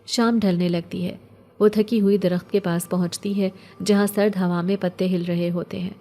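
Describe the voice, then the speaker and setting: A woman narrating a scripted story in a steady, measured way. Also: mid-range voice.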